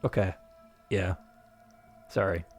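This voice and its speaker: Here the player has a deep voice with fairly even intonation and speaks slowly over soft background music. He reads a visual novel's narration aloud, tossing in rambling jokes and plenty of fillers.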